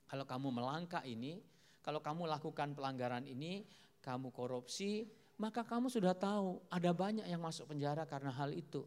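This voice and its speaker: Dynamic preacher swinging loud and soft. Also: male voice. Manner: preaching with swings from loud emphatic peaks to low soft endings; often addresses the audience as "saudara". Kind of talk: sermon.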